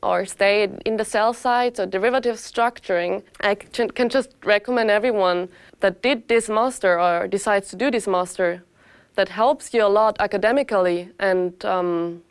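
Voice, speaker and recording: A 25-year-old woman from Austria, giving an earnest student testimonial and pausing to rephrase. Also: mid-range voice, smooth, dry recording. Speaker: master's student.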